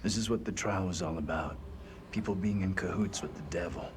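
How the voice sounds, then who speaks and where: An actor playing a steady, protective male survivor in a horror video game, serious and controlled. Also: sits low, fairly quick, a little hiss or hum, natural voice. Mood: puzzled, grave. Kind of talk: cinematic video game acting.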